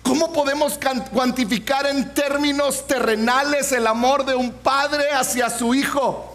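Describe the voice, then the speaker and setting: Man preacher, 40s, very high voice, humorous storyteller. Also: fairly even intonation, unhurried, a bit bright. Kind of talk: sermon with personal story.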